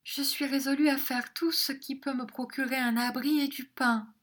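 A woman voicing a timid young girl who speaks softly through tears, in an audiobook reading. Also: high-pitched, fairly even intonation, normal speed, pitched above the performer's own voice. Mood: tearful. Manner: soft, tearful.

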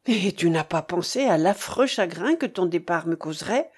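An old aristocratic father, stern and grieving, his voice pressed lower and heavier, as a woman reading the book puts him on. He speaks gravely with sudden anguished outbursts and a lively rise and fall. This is a storybook reading of a proud man in pain. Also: moderate pace. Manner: grave, pleading, indignant outbursts. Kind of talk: audiobook character reading.

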